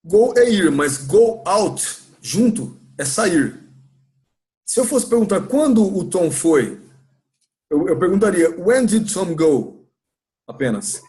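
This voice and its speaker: His voice sits high and a little mellow. He is a Brazilian Portuguese-accented teacher running an English grammar class inside a church classroom, asking students questions patiently and restating what matters.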